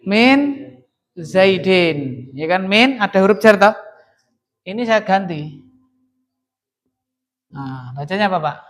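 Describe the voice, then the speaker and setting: A man's voice: high voice, measured pace, pauses often, a bit bright. A man with a Javanese accent teaching Arabic grammar in a classroom, explaining patiently and quizzing his students with frequent questions. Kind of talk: classroom lesson.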